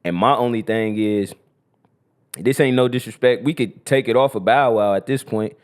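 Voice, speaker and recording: Smooth and on the low side, the voice of this young Columbus, Ohio podcast co-host moves at a moderate pace. He talks loosely and casually in slang, often tossing in "you feel me."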